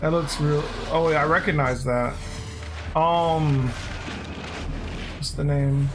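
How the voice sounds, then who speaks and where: A man's voice: a little high, steady tone, takes it slowly, background noise. A man giving casual let's play commentary as he reacts to a video game. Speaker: game streamer.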